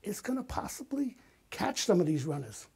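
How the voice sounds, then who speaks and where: This retired artist and playwright, an older man being interviewed, spins animated personal stories with emphatic drama and performed quotes. His high voice is very animated at a normal speed, gravelly and darkish with a breathy edge.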